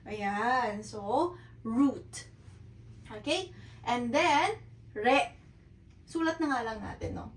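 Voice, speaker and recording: A woman's voice: high voice, echoey room, distant mic, low-quality recording. A woman teaching a beginner lesson in Tagalog mixed with English, patient and repetitive, often checking in with her learners. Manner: patient, repeats and checks with "okay?". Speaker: Japanese teacher.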